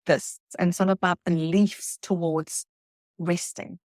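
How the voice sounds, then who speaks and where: A middle-aged woman from South Africa, a guest telling her story in an earnest, reflective way, halting at times. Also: fairly low pitch, flat delivery, a little mellow, no echo, studio quality. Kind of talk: emotional personal interview.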